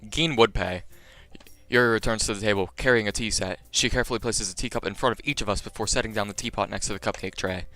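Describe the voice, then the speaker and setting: A man's voice: lowish voice, quick pace, no room sound. A young man reading a visual novel aloud on a live stream, joking with his chat between lines. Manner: animated, jokey, chatting to viewers between lines.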